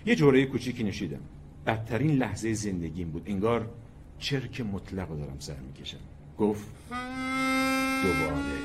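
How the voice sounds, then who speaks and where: A man reading a short story aloud in a dramatic, expressive narration. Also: mid-range voice. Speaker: story reader. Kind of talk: scripted narration.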